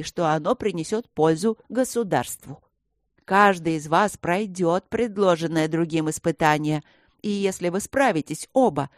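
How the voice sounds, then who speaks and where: A woman's voice: lowish voice, no room sound, clean studio sound. A woman voicing a cold, imperious queen in an audiobook, speaking in a commanding, clipped way.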